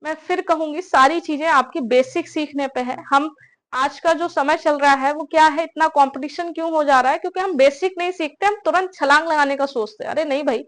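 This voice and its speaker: A woman's voice: high-pitched, fairly quick. A young adult woman talking casually to students about exam preparation, often checking in with tag questions. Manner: conversational, repeats tag questions, addresses listeners as brother. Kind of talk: casual advice talk to students.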